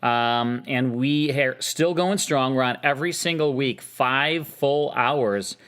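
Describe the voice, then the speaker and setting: A man's voice: medium pitch, slow, a bit bright, clean tone. Male radio co-host, middle-aged, casual and joking. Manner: easygoing, joking, plugging the show. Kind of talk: casual chat promoting a show.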